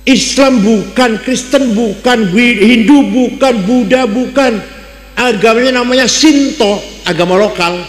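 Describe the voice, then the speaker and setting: Older Javanese cleric preaching in an echoey hall. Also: male voice, extremely high pitch, unhurried. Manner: rhetorical, asks the audience questions, swings between loud exclamations and dry jokes. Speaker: Islamic cleric giving a talk. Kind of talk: religious lecture to a congregation. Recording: echoey hall with long reverb.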